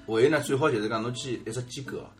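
A man's voice: mid-range voice, very fast. A man with a Shanghainese accent co-hosting a podcast, bantering and giving his opinions. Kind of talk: casual chat.

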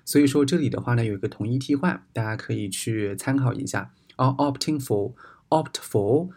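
Speaking fast in a mid-range voice that is gravelly yet mellow, a native Chinese-speaking man from China goes through an English news text in Mandarin. He teaches the English words, spelling each one letter by letter.

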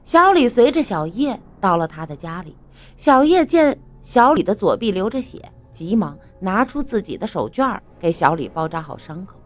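A woman narrating a ghostly story in a dramatic, expressive way. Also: mid-range voice, normal speed.

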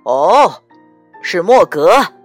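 Woman doing a firm, low-voiced animal doctor. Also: very animated, drawn-out words, faint music behind, heavily acted. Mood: calm, firm. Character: brisk grown man, a busy animal doctor.

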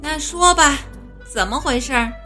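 A woman's voice: high-pitched, lively intonation, measured pace. A woman voicing a shrewd imperial consort who sees through schemes and coaxes the others along. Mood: knowing. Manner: knowing, coaxing. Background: background music.

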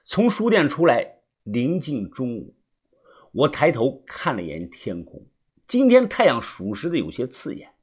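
A man's voice: medium pitch, a little slow, breathy edge. A man reading a novel aloud in the first person, colloquial and wry. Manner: colloquial and wry, with lively rises. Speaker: audiobook narrator.

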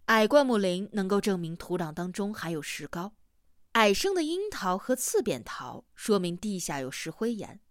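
Expressive woman narrating a novel. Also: medium pitch, moderate pace, no echo, studio quality. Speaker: audiobook narrator.

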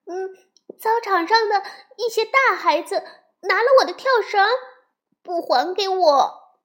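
A tiny girl bear cub squeaking way up high, stammery and breathless. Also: unhurried. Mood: upset.

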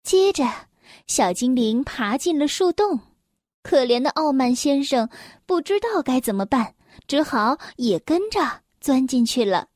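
A woman reading a children's storybook aloud, slow and expressive. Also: high voice, no room sound, studio quality.

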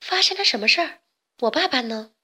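A brave young woman hurries after her father in a storybook, anxious and urgent , voiced by a woman. Her questions rush out fast and high. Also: animated, a bit bright. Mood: worried.

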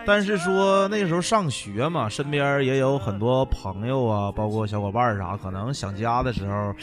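A man's voice: mid-range voice, animated, moderate pace. Young man chatting over music. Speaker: radio co-host. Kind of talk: casual anecdotal chat. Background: instrumental music.

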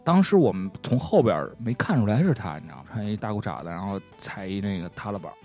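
A man, co-hosting a podcast and telling an anecdote in a chatty, animated way, often asking "you know?". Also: on the low side, fast talker, faint music behind. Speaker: podcast co-host. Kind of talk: casual storytelling chat.

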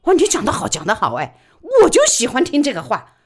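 A woman storyteller voicing a loud, coarse and boastful middle-aged female porter in a Wuhan dialect. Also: on the high side, huge pitch swings, a little fast, pitched above the performer's own voice. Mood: hearty.

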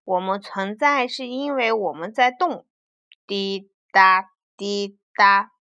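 A woman voicing a solemn, stern big clock in a children's storybook, speaking slowly and weightily. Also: sharp tone, highs cut off. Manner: slow, deliberate, booming.

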